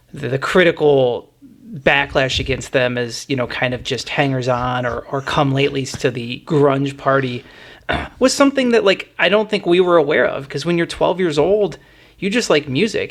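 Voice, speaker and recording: A middle-aged man hosts a music podcast, offering retrospective commentary in a conversational, enthusiastic, wordy storytelling style. His voice is medium-pitched, gravelly and fairly bright.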